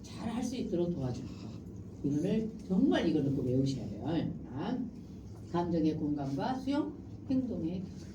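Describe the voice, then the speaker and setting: Animated woman lecturing in a roomy hall. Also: lowish voice, normal speed, recorded from a distance, background noise. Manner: animated, acts out parent and child lines with laughter. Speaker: parenting lecturer. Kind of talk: lively lecture. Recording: roomy hall, speaker away from mic.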